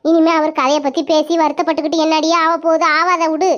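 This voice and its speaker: A woman's voice: sits high, flat delivery, fast talker, a bit bright. A woman voicing a put-upon young village housewife in a cartoon, grumbling and lamenting, on a dull lo-fi recording.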